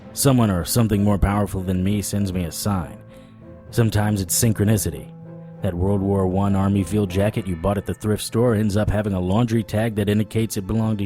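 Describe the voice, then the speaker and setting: A male actor voices a wry, stubborn occult investigator in an audio drama, narrating and talking in conversational noir fashion. His voice is lowish, warm, and natural.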